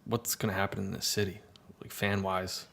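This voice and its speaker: Young man, low voice, curious, asks questions, casual podcast chat. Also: flat delivery, moderate pace, a bit bright. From Philadelphia. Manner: asks questions, drives the talk. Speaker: podcast co-host.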